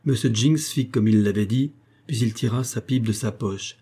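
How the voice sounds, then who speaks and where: A man narrating a novel as an audiobook in a measured, theatrical storytelling manner. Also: medium pitch, warm tone, slightly rough. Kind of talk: scripted narration.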